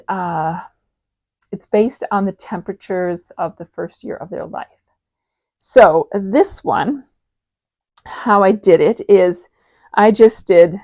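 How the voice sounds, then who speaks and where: A woman's voice: on the low side, a little mellow, no echo. A woman in her forties hosting a knitting podcast, chatting casually with frequent ums and restarts. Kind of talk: casual show-and-tell chat.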